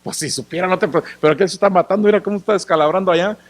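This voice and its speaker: A man's voice: sits high, rapid-fire. A tired male pastor preaches a sermon in a conversational way, often asking the congregation questions and acting out little scenes. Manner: acts out little scenes and gestures. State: tired after working in the sun.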